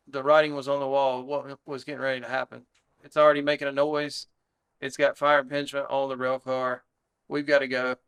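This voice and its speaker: An American man recalls an incident as a fire battalion chief being interviewed. His voice is clean and a little high, with a fairly level melody. He talks in a plain, conversational way. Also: a bit bright, clear, resonant tone. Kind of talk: interview recollection.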